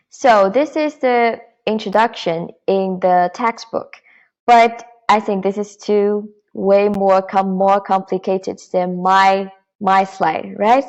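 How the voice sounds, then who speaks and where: A woman's voice: medium pitch, a little mellow, lo-fi sound. A woman teaching a beginner Mandarin lesson online, patiently modelling syllables and repeating them for learners to copy.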